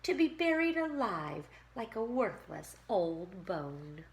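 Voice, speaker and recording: Cranky old crab guy from a picture book, snappish, voice jumps way up when he yells , woman putting it on. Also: medium pitch, sing-song, takes it slowly, slight background noise. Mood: miserable. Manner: snappish, shouting when scared. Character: grumpy greedy old male hermit crab.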